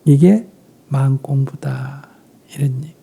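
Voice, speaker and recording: A man with a Gyeongsang Korean accent, a Buddhist monk calmly answering questions in a dharma talk, often trailing off into a breathy half-whisper. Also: mid-range voice, a little slow, slight background noise.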